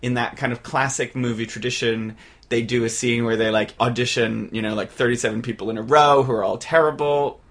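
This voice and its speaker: A man co-hosting a casual film-review podcast, chatty and animated, rambling with lots of fillers. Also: medium pitch, fairly quick. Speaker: podcast co-host.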